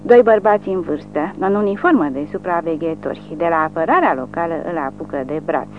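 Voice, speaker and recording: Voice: mid-range voice, a little hiss or hum. An audiobook narrator reading a war novel in a dramatic, widely varying delivery. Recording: narrow phone-like sound, faint music.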